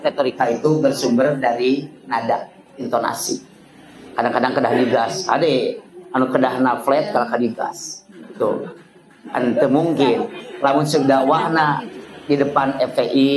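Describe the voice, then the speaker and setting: A man with a Sundanese accent gives a relaxed, chatty sermon. His voice sits at a middle pitch but leaps up and sinks down for emphasis. The live recording carries clear ambient noise behind him. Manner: swings pitch high and low for effect, mixes in dialect. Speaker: preacher. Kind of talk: casual sermon.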